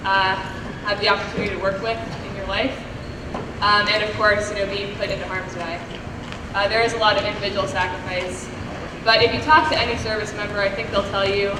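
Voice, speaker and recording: A woman delivers a halftime speech over a distant microphone in a noisy hall. Her intonation is quite even, and she often pauses on ums and filler phrases. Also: medium pitch. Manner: hesitant, many ums and you-knows. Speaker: military veteran, guest speaker. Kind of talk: halftime appreciation speech to an audience. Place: large echoing sports venue, public address.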